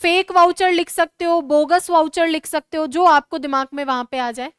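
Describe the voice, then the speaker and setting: A woman teacher with a Rajasthani Hindi accent, giving a classroom lecture in a brisk, scolding way and urging students to write fast. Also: high voice, steady tone, fairly bright tone, no echo.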